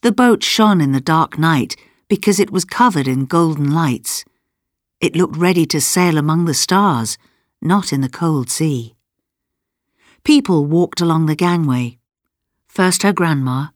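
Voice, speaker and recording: A woman narrating a storybook in a measured, plain storytelling manner. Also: sits low, expressive, no echo, studio quality.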